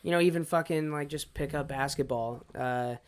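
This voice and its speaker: A young man in loose podcast sports talk, with a slightly high, smooth and clear voice. He is animated and blunt, and swears freely when he is frustrated. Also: moderate pace. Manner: animated, profane outbursts. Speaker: podcast co-host. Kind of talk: casual sports chat.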